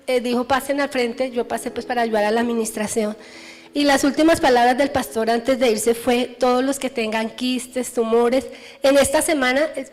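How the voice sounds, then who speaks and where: A woman in a church telling her personal testimony, earnest and lively with a self-amused touch. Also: a little high. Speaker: church member giving testimony.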